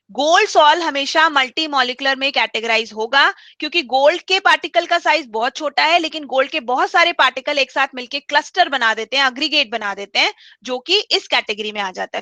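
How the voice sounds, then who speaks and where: Woman chemistry teacher, high bright voice, patient step-by-step explainer, dry close mic. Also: gravelly, dry recording. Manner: explains step by step, repeats key points; mixes English terms into speech. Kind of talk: online class lecture.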